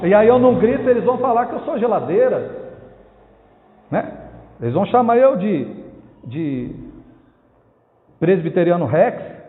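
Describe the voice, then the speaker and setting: A man's voice: high-pitched, big pitch swings, measured pace, long pauses. A man preaching an expository sermon as pastor, emphatic, asking rhetorical questions and repeating key phrases. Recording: tinny phone-like sound with long hall reverb.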